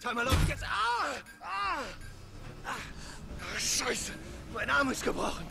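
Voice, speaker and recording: A man playing a desperate, wounded soldier in a military game, shouting orders in a rough voice strained by pain. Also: very high-pitched, sing-song, slow, music in the background, heavily acted. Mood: frantic, pained. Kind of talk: dramatic military game acting, German dub.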